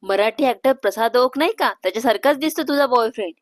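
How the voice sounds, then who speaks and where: A woman voicing an excitable, prying young woman who teases her elder sister, in a storybook reading. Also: fairly high pitch, fast talker, dry recording, studio quality, close to an everyday voice. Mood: curious. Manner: eager, prying, playfully apologetic.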